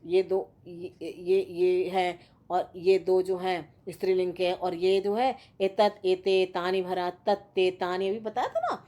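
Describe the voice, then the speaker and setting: A woman's voice: on the low side, takes it slowly, dark tone. A woman teaching a school grammar lesson, explaining patiently and often checking that students follow. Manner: patient, repeats and checks with "theek hai na". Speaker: Sanskrit teacher.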